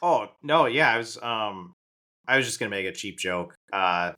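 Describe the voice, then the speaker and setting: A man's voice: on the low side, animated, normal speed, sharp tone. A man co-hosting a casual podcast chat, telling stories and joking with the others. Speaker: podcast co-host.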